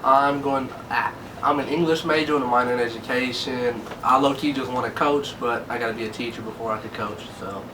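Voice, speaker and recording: A twenty-year-old man talks in a laid-back, slangy way during a vlog Q&A, his voice at an ordinary pitch for a man. He sits some distance from the mic, with a clear layer of background noise around him. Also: fairly even intonation, brisk, few pauses. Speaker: vlog co-host. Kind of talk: casual Q&A chat.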